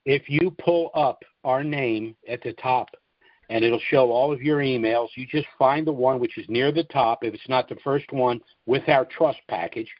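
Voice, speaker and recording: Callers get informal, instructive guidance from the host of this conference call, a man with a mid-range voice speaking at normal speed who repeats himself for emphasis. The sound comes through a conference line, dry, dull, and lo-fi.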